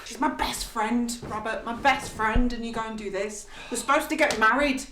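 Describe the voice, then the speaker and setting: An actress playing a betrayed young woman, shouting in fury at her fiancé. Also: fairly high pitch, fairly even intonation, moderate pace, natural voice. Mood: furious. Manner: angry, shouting. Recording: echoey room with noise.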